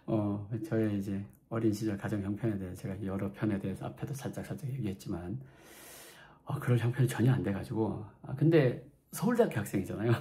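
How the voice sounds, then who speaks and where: A man's voice: fairly low pitch, dark tone. A man from Daegu with a Gyeongsang accent, chattily telling his own story as a channel host, with self-mocking asides. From Daegu, South Korea. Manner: chatty, self-mocking, acts out quoted lines. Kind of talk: storytelling vlog.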